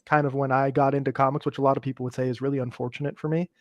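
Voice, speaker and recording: A young man talks easily as a guest on a live chat, thinking aloud with plenty of fillers. His pitch is middling for a man. The sound is dry and close, with no room around it. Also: level tone, rapid-fire, a little mellow, dry recording, dull audio. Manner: easygoing, reflective, many fillers.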